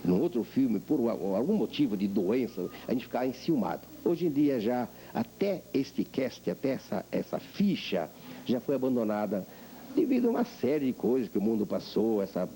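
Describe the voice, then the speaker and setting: An older man, a veteran voice actor, being interviewed and telling animated stories about his craft. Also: mid-range voice, slight background noise, poor audio. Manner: animated storyteller, acts out voices. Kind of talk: reflective interview talk.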